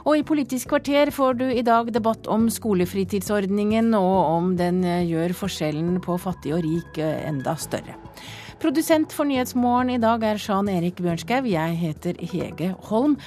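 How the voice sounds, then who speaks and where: A woman hosting a morning radio news show, announcing in a measured, clear manner from a studio. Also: mid-range voice, lively intonation, warm tone, soft background music. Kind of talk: scripted radio news presenting. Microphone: studio mic.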